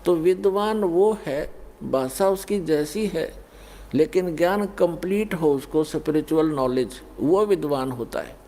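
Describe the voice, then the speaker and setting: A man's voice: fairly high pitch, lively intonation, a little slow, warm tone. A man preaching a spiritual sermon, addressing listeners directly and explaining with everyday examples.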